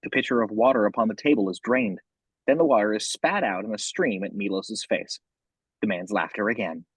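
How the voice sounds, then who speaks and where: A man with a husky voice reading scripted horror narration, describing the action scene by scene. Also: on the low side, expressive, brisk, no room sound, rough recording.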